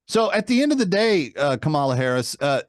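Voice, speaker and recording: A man's voice: a little high, big pitch swings, a little fast, dry recording, studio quality. A man hosting a political talk show, delivering a monologue in a mocking, emphatic way that repeats words for effect.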